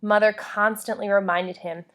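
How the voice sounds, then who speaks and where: Woman reading a memoir aloud, measured phrasing. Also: mid-range voice, fairly even intonation, a bit bright. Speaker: audiobook-style reader of a memoir. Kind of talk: scripted read-aloud narration.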